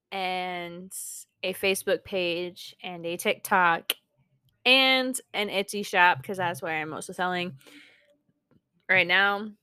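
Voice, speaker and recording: A woman's voice: medium pitch, pushed and bright, clear, resonant tone, no echo, studio quality. A young woman who runs a small craft business, talking in a casual, rambling vlog that keeps interrupting itself. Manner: rambling, self-interrupting and frank.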